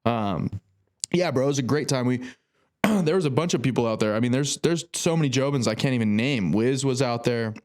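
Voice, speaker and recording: A young man telling a long story in casual podcast chat, animated and swearing, jumping way up in pitch when he quotes people. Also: a little fast. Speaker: podcast guest.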